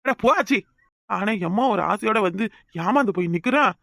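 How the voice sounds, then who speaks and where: A voice actor playing a quick-tempered young village husband in a cartoon, bickering fast. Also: mid-range voice, gravelly, a bit bright, no echo, studio quality. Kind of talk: cartoon voice acting.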